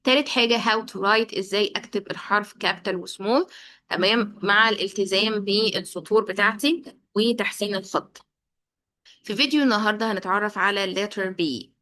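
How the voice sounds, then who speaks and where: A woman's voice: medium pitch, brisk, bright, forceful tone. A young adult woman with an Egyptian Arabic accent, teaching children's English basics patiently and repeating each point twice. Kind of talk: explanatory lesson.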